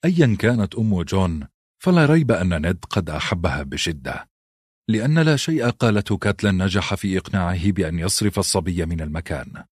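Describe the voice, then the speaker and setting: Man, very deep voice, husky, dry close sound, audiobook narration. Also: expressive, fairly quick, dry recording. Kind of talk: scripted narration.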